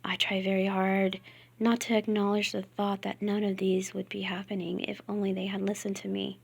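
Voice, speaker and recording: A woman reading a novel aloud, softly and often half-whispered. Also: medium pitch, completely flat delivery, normal speed, vocal fry, husky. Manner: soft, half-whispered reading with giggles at slips. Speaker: reader.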